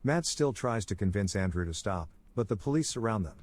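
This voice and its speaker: A man giving a scripted narration, with a steady, even storytelling delivery. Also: fairly low pitch, fairly quick. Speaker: movie recap narrator.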